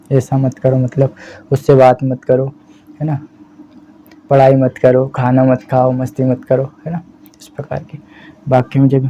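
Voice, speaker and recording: A man teaching a language lesson at an unhurried pace, in a very dark, mellow voice that stays flat in pitch. He keeps checking in with his students as he explains. The audio is a little dull and lo-fi, with faint hiss behind him. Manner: slow, repeats "है ना" as a steady check-in. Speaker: spoken English teacher.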